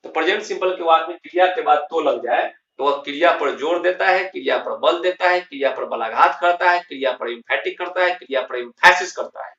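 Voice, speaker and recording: A man's voice: fairly high pitch, pushed and bright. A man gives a grammar lesson, asking questions and answering them himself as he drills each term. He sounds set back from the mic. The room is echoey and the audio dull. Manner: repeats key terms, slow and emphatic, asks and answers himself. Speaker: English grammar teacher. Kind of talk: classroom lesson explaining grammar. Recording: roomy, distant, dull lo-fi sound.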